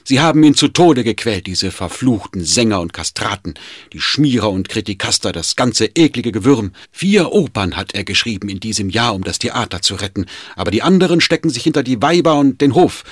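A man's voice: mid-range voice, very animated, fairly quick, breathy edge, dry recording, clean studio sound, voice pushed up. A man voicing a distraught, devoted assistant in agitated, lamenting outbursts. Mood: despairing rage.

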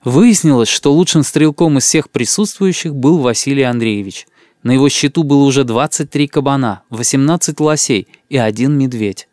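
A man narrates an audiobook in a wry, even storytelling manner. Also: mid-range voice, normal speed, no echo, studio quality. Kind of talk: audiobook reading.

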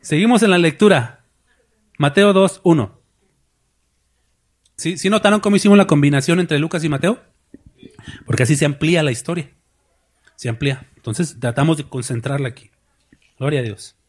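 Lively preacher man. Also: a little high, normal speed, pauses often, husky. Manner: lively preaching with rhetorical questions and acted-out voices. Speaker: pastor. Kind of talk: sermon.

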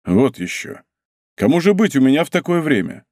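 A man reading an audiobook, voicing a cool, brooding musketeer who speaks in a low, hollow, measured way. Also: sing-song, a little mellow, no echo, clean studio sound. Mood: grave. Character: cool, brooding older musketeer, grave and commanding.

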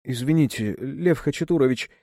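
A man doing a hurried, placating young guy. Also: medium pitch, warm tone, dry recording, clean studio sound, close to an everyday voice. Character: nervous eager young man smoothing things over.

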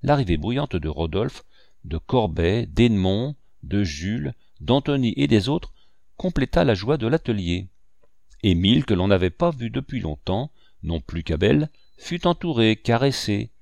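Homme lisant un livre audio, voix grave. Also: male voice, lowish voice, big pitch swings, unhurried, gravelly, darkish tone, no echo. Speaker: narrateur.

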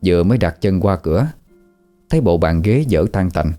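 Deep-voiced male horror storyteller. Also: expressive, moderate pace, dark tone, faint music behind. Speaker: narrator.

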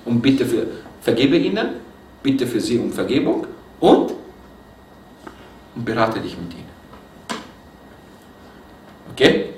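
An Islamic preacher gives a religious lecture in German, weaving in Arabic quotations and putting questions to his listeners. His voice is medium-pitched and lively, but he speaks slowly with frequent pauses. He sounds distant in an echoey room, with faint background noise.

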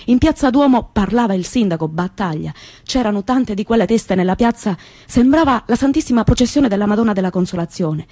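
An actress with a Calabrian accent playing a young woman from Reggio, telling her memories in a lively, colloquial theatrical monologue. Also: medium pitch, a little fast, no echo, lightly acted. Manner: lively storytelling, repetitive and colloquial.

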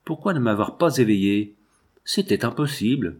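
A man reading aloud, voicing a combative, excitable old male physicist in a storybook. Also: medium pitch, moderate pace, husky. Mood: agitated. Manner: excitable, exclaiming.

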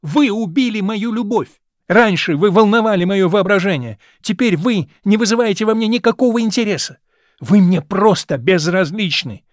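A man reading the lines of a young man who turns cold and furious, declaiming loudly and with indignation. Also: high voice, expressive, normal speed, no room sound, studio quality, pitched above the performer's own voice.

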